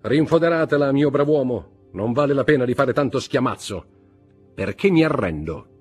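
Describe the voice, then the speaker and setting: A man's voice: low-pitched, sing-song, a little slow, a little mellow, husky, soft background music, exaggerated voice. A man reading aloud, voicing a cornered, insolent young male scoundrel with a mocking manner.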